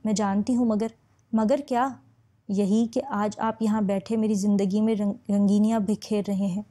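Woman audiobook narrator, first-person novel, steady measured read, mellow warm voice. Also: mid-range voice.

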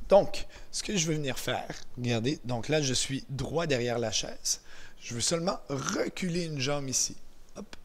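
A man with a Québécois French accent leading a gentle exercise class, calm and encouraging, counting down softly. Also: mid-range voice. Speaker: exercise instructor. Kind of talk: guided seated exercise class. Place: indoors beside a chair.

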